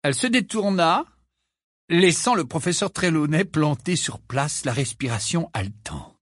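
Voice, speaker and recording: A man's voice: a little high, animated, moderate pace, fairly bright tone, dry recording, clean studio sound. A man reading a novel aloud expressively, with an occasional filler. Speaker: reader.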